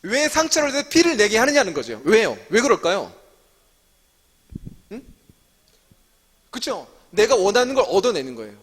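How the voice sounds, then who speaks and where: A man's voice: sits high, huge pitch swings, normal speed, pauses often, fairly bright tone. A man leading a Bible study as a sermon, asking his listeners one question after another and answering them himself. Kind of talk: interactive sermon teaching. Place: church hall. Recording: long church-hall reverb.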